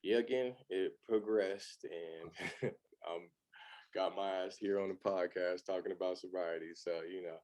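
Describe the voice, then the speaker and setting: A man's voice: sits low, fairly even intonation, measured pace, a little mellow. A man from Los Angeles in his thirties, a podcast guest talking candidly in a loose, rambling way with many fillers. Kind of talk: casual chat.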